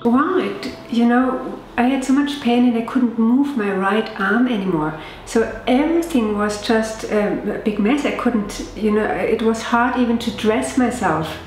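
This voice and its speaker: A woman's voice: a little high, a little slow, few pauses, darkish tone, faint music behind. A middle-aged woman giving an earnest testimonial in a small clinic room, often searching for words. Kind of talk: interview testimonial. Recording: very echoey room.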